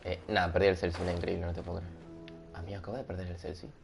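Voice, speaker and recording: Over music, a young Rioplatense Spanish-speaking man chats casually with viewers on his gaming stream through a headset mic. His low, gravelly voice stays level in tone while he talks very fast, rambling, cracking jokes, and laughing at himself.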